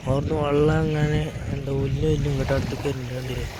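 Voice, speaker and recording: A travel vlogger narrates an outing casually to viewers at tourist spots and a park, speaking Malayalam mixed with English words. His voice is medium-pitched and level in tone but racing, and the noisy outdoor recording picks up crowd and traffic sounds.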